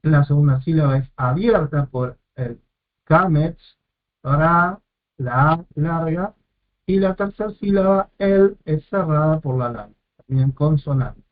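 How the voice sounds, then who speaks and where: A man's voice: a little high, unhurried. A man teaching a lesson step by step, repeating and sounding out each syllable and correcting himself as he goes. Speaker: Biblical Hebrew teacher. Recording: tinny phone-like audio.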